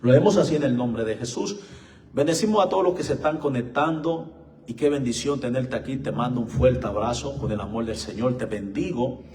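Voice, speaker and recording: Recorded from a distant mic in an echoey room with slight background noise, a man delivers a live-streamed sermon in a medium-pitched, slightly mellow voice. He is slow and emphatic, swelling as he reads scripture and repeatedly calling listeners brothers and friends.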